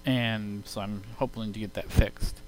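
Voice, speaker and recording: Speaking a little slowly, a man with a fairly low, darkish voice and fairly even intonation explains software step by step in a casual demo. The sound is low quality, picked up on a hissy home computer sound card.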